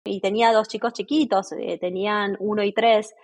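A woman's voice: medium pitch, normal speed. A woman in her forties with an Argentine accent, a podcast guest talking freely and telling stories with many restarts. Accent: Argentine Spanish. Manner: chatty, many restarts, lively storytelling. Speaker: interview guest. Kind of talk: casual podcast conversation.

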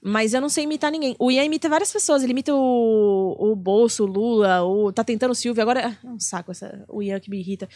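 A woman's voice: on the high side, fast, hardly any pauses, darkish tone, no room sound, studio quality. A woman comedian, a guest on a podcast, chatting casually and swearing freely.

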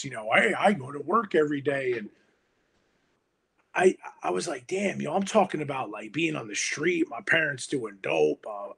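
This podcast guest, a musician from Hudson County, New Jersey, talks casually in a husky voice pitched fairly high. His speech is animated and full of slang, with heavy swearing and frequent "yo."

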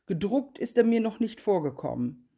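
A woman's voice: medium pitch, sing-song, normal speed, mellow, slightly rough. A woman voicing a trusting, good-natured little female mouse, eager and wondering.

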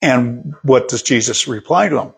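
A man's voice: medium pitch, animated, moderate pace, gravelly, husky. A middle-aged male pastor preaching a sermon in a conversational way, often repeating words as he reads and explains scripture.

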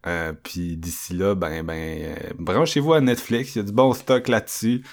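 Deep-voiced Quebec French podcast host. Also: male voice, moderate pace. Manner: relaxed, hesitant, many fillers. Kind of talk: casual podcast chat.

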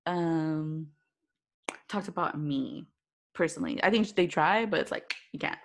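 A young woman in casual conversation as a co-host, speaking in slangy, halting phrases. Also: deep voice, slight background noise. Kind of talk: casual chat.

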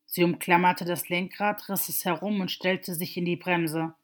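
Woman calmly narrating a story. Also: lowish voice, normal speed. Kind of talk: read-aloud story narration.

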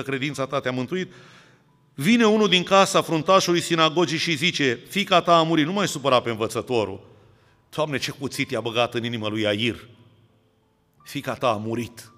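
A man's voice: medium pitch, bright, forceful tone. A man preaching a sermon as a priest, acting out the voices of the people in the story he retells. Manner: preaching, acts out quoted voices. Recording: long hall reverb.

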